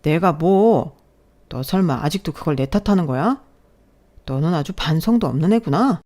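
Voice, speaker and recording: A woman's voice: low voice, lively intonation, moderate pace, warm tone. A woman voicing an arrogant young male resident doctor who talks down in a mocking, bossy way.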